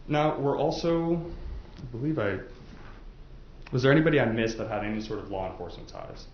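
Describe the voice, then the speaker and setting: In an indoor courtroom, a lawyer questions jurors politely and conversationally, with some hesitant phrasing. His medium-pitched voice is expressive and brisk, and the audio is echoey and dull with faint noise.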